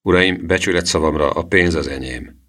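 Smug thief, storybook figure, slow, falsely polite, deep low voice, man reading. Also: fairly bright tone. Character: smug, lying adult male thief. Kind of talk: audiobook reading.

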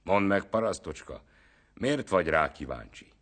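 A man voicing a proud, greedy rich lord in a folk tale, speaking slowly and haughtily. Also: sits low, lively intonation, fairly bright tone, voice pushed up. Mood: curious. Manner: slow, haughty and commanding.

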